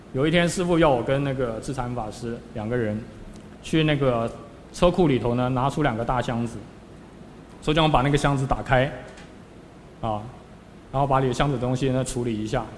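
A Buddhist monk with a mid-range voice gives a storytelling sermon at normal speed with long pauses, acting out scenes as his voice suddenly rises and drops. The recording has long hall reverb and faint background noise.

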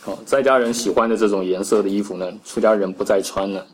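A low-voiced Buddhist monk, teaching scripture line by line. He chants each passage slowly and fills his plain explanations with drawn-out "ah"s. Faint room ambience hums underneath. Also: fairly even intonation, slight background noise, rough recording. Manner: recites each passage slowly, then explains it with frequent "ah" fillers. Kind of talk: Dharma lecture explaining a text line by line.

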